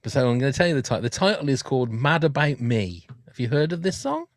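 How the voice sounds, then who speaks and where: A man hosts a casual podcast, chatty and quick to laugh. His voice sits at a middle pitch. The sound is dry and close. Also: big pitch swings, dry recording. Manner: chatty, laughs often, hums tunes. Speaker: podcast host. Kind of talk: casual chat.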